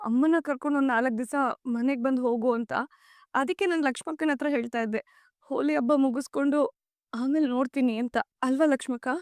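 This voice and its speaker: A woman playing a soft, hesitant young wife. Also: sits high, no echo, lightly acted. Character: gentle, troubled young wife. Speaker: young daughter-in-law. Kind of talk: television serial acting.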